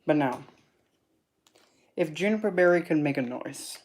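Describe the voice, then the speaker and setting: A spiritual teacher giving a casual esoteric teaching talk at a middle pitch. The delivery is rambling and chatty, with animated asides. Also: a little slow.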